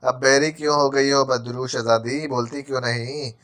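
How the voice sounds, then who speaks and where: A male narrator voicing a jittery, sharp-tongued male servant who stammers when frightened. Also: mid-range voice, steady tone, natural voice. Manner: stammering, quick-tongued sarcasm.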